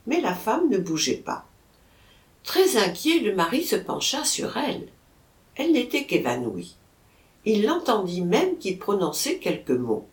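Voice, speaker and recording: A woman reads a first-person story aloud in a measured, expressive style. Her pace is slow and her pitch moves in lively arcs. The recording has a roomy echo. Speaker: audiobook narrator.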